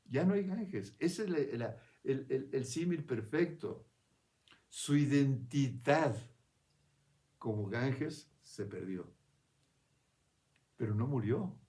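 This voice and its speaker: A man offers a spiritual talk that is reflective and leisurely, thinking aloud, restarting phrases and regularly checking in with his listener. The voice is mid-range, mellow and animated.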